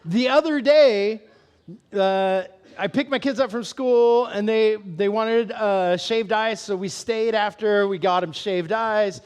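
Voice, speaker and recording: A man's voice: high voice, takes it slowly, darkish tone, clean tone. A male pastor giving a conversational sermon, candid and self-deprecating, laughing often and asking his listeners questions.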